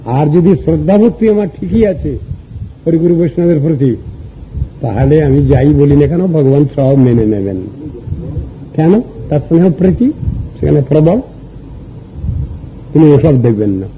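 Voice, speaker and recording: Older guru guy preaching slow and steady, dark mellow voice, bit of hum behind. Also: a little high, poor audio. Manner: measured, teaching with rhetorical questions and recited verses. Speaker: Vaishnava guru giving a discourse. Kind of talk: devotional sermon with chanted Sanskrit verses.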